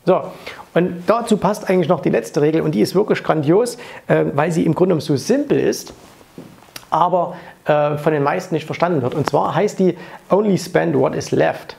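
Speaking to camera on a lapel mic in an indoor office with framed pictures, a finance coach and channel host in his thirties hands out blunt, opinionated money advice in a casual style. His fairly high, gravelly voice has a darkish tone and a moderate pace, and he drops frequent fillers and tag questions.

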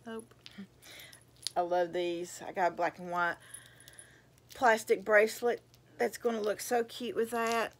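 An older woman chatting casually as she shows off gifts, gushing and exclaiming over each item in folksy, drawn-out phrases. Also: medium pitch, fairly even intonation. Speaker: vlogger showing gifts. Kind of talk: casual show-and-tell chat.

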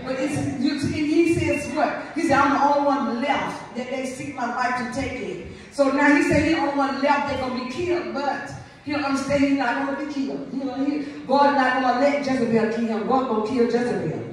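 A woman's voice: sits high, brisk, few pauses. A woman pastor preaching a fervent call-and-response sermon at a church service. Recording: echoey room, voice from a distance.

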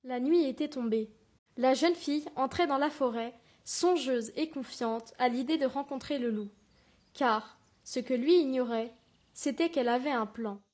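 Young female narrator for a class storybook, high pitch, steady reading. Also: moderate pace.

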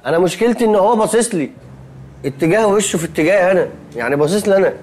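An actor playing a nervous young man with an Egyptian accent, protesting in quick, anxious bursts in a film comedy. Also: sits high, animated, darkish tone, slight background noise. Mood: bickering, jittery. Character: jumpy nervous young man sharing a hospital room.

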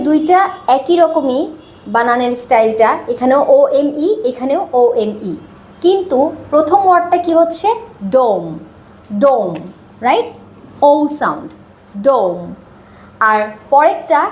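A woman teaching a video lesson, speaking slowly and repeating sounds drill-style. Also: high voice, echoey room. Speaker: English teacher.

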